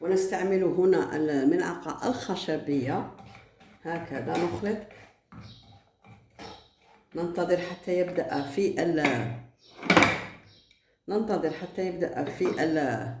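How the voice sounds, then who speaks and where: A woman hosting a home cooking tutorial, slowly repeating each step of the recipe. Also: fairly low pitch, warm tone. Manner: slow, repetitive step-by-step instructions. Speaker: cooking channel host. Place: home kitchen. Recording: echoey kitchen, background noise. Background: pots and utensils clattering.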